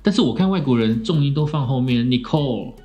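A man's voice: medium pitch, animated, fast, dark tone, faint music behind. A man co-hosting a podcast, chatting casually in an easygoing, self-mocking way. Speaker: podcast co-host. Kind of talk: casual chat.

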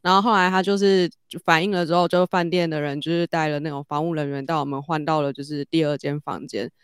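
A woman, telling a story in casual chat and growing animated as she goes. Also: quick pace, clear, resonant tone, dry recording, studio quality. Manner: animated, rises high when excited.

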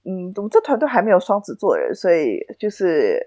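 A woman chatting on a podcast as co-host, her pitch swinging up and down as she tells stories. She laughs often. The sound is dry and close. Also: fairly quick, dry recording. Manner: animated storyteller, laughs often. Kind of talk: casual chat.

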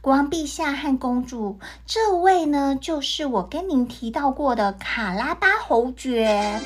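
A woman's voice: high-pitched, expressive, measured pace. A woman voicing a clever, scheming male cat in boots who speaks eagerly and politely.

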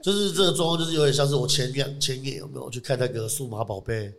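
Fast-talking Taiwanese man telling a story. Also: mid-range voice, roomy sound. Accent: Taiwanese Mandarin. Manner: animated, laughs often, slips into Taiwanese swearing. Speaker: podcast guest. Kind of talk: casual storytelling chat.

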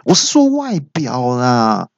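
A man voicing an angry, panicky young woman accusing someone of stealing her phone, in a shrill, accusing way. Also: wildly swooping pitch, slow, dry recording, dull audio, full character voice. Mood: indignant.

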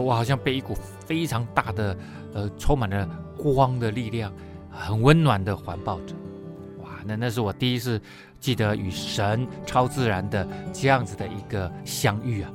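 A man preaching, telling a personal testimony in an expressive, emotional storytelling way with many fillers. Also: fairly low pitch, moderate pace, music in the background. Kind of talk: sermon testimony.

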